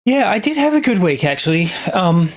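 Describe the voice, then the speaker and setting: A young adult music producer streaming live, chatting casually with viewers in a halting, think-aloud way while working on tracks. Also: mid-range voice, big pitch swings.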